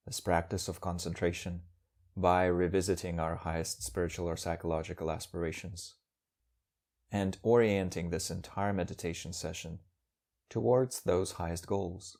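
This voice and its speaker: Calm and measured, a man teaching meditation guides the practice in brief phrases with pauses in between. His pitch is low.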